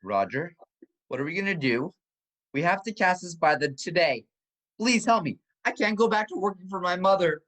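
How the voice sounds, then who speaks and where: A man's voice: high voice, moderate pace. A man playing an anxious casting director who pleads and frets in an online amateur comedy sketch. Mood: fretful. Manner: pleading, fretful, lively. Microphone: video call.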